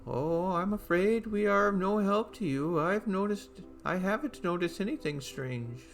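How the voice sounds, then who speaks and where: Man voicing a chatty elderly housewife, high, sing-song delivery. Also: expressive, unhurried, soft background music. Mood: fussing. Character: fussy elderly housewife, hospitable.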